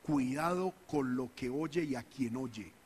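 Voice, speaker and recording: A pastor preaches a sermon in a medium-pitched, slightly mellow voice, taking it slowly. His fervor climbs as he acts out the people's whining and complaints. The recording has a long reverb tail and a little hiss or hum.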